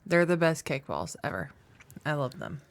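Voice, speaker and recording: Low-voiced blunt joking woman. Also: sing-song, normal speed. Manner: blunt, swears, laughs often. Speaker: podcast co-host. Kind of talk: casual comedy chat.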